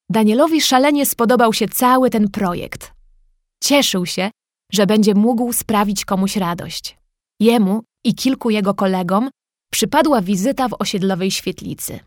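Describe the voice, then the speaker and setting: A woman narrating a children's story in a calm, measured and gently expressive way. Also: mid-range voice, dry recording, clean studio sound.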